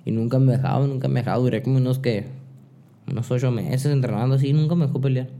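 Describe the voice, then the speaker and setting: A man's voice: mid-range voice, fast, gravelly, mellow. A young man with a Mexican accent, a boxer telling his story in a casual interview, rambling with restarts and fillers. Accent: Mexican Spanish. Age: young adult. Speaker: boxer guest.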